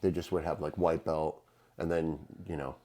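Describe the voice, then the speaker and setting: A man's voice: a bass voice, fairly even intonation, moderate pace, warm tone. A man in his fifties who runs a gym, co-hosting a casual podcast and telling stories in a reassuring way. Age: 50s. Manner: reassuring, storytelling. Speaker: gym owner and co-host.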